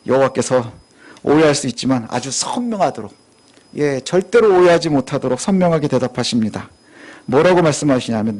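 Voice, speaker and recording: A man's voice: mid-range voice, a little mellow. A male pastor preaching a sermon, telling the story with rhetorical questions.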